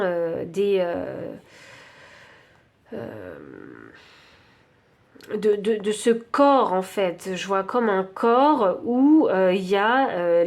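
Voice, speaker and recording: A woman's voice: medium pitch, a little mellow. Hesitant French woman reading tarot. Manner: hesitant, thinking aloud with many fillers. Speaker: tarot card reader. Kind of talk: intuitive tarot reading to camera.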